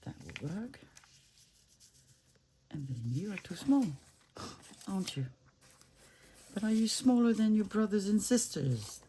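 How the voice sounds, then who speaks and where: Talking along as she crafts, this French-Italian vlogger thinks out loud, addresses her materials directly, and frequently lowers her voice to a whisper. She sounds very animated yet measured, with long pauses, in a mellow medium-pitched voice over a little hiss or hum.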